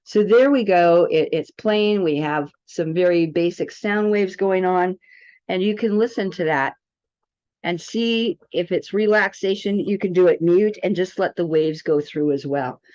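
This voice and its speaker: Demonstrating a wellness app, a woman speaks a little slowly in a low, somewhat mellow voice. Her casual presentation drifts into some rambling, and the audio is dull and lo-fi.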